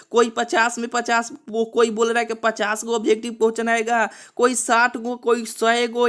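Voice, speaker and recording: A man's voice: very high voice, fairly bright tone. A young man explains exam rules to students in a video, repeating himself and leaning on small filler words as he goes. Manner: repetitive, keeps saying "see" and "okay". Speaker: exam coaching channel host.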